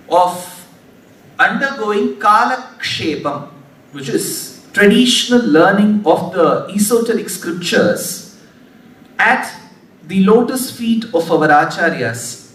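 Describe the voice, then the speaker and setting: A Tamil-speaking man with a high, fairly bright voice gives a spiritual discourse before an audience in a large hall. He speaks slowly and formally, in measured phrases laced with scriptural terms. The distant mic picks up the hall's echo along with a faint hiss.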